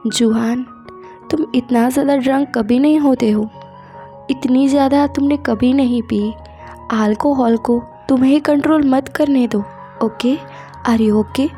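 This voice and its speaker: A woman voicing a patient young man who speaks softly and calmly to an angry friend. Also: a little high, soft background music, natural voice. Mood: soothing. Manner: soft, slow and calming. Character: gentle, patient young man soothing his partner.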